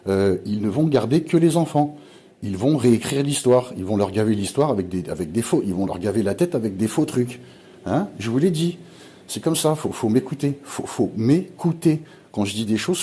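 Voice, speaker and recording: A man's voice: on the low side, mellow, husky. A middle-aged man ranting on his video channel, insistent, constantly urging his viewers and repeating himself. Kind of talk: agitated conspiracy vlog.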